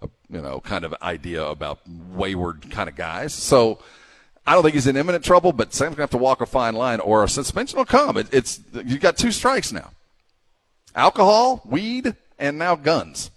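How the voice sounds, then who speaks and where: A man co-hosting sports radio with casual talk and a halting, stammering delivery. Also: medium pitch, very animated, fairly bright tone.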